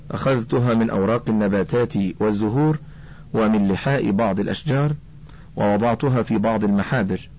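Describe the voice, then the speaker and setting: A man's voice: on the low side, vocal fry, a little mellow. A man voicing a curious ten-year-old boy who paints flowers, speaking eagerly and earnestly. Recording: dull lo-fi recording.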